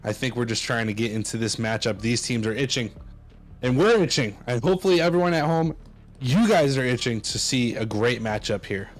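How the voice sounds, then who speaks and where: A man casting an esports match as co-commentator, excitable, with quick hype calls over the action. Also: medium pitch, faint music behind. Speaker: esports co-caster. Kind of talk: play-by-play commentary.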